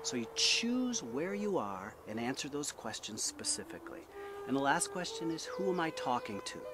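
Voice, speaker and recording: A man teaching acting like a drama teacher, speaking in an emphatic, deliberate way and posing rhetorical questions as he lectures. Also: medium pitch.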